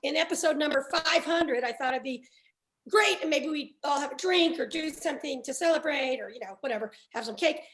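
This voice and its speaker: A woman's voice: high-pitched, a little fast, a bit bright. A woman voice actor telling a playful behind-the-scenes story on a panel. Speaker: voice actor guest. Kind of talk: casual anecdote on a panel.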